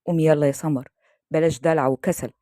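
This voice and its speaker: A woman's voice: deep voice, steady tone, fast, warm tone, dry recording, studio quality, lightly acted. A woman voicing a caring, insistent grown man who speaks with an Egyptian accent. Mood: coaxing. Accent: Egyptian Arabic. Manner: coaxing, insistent.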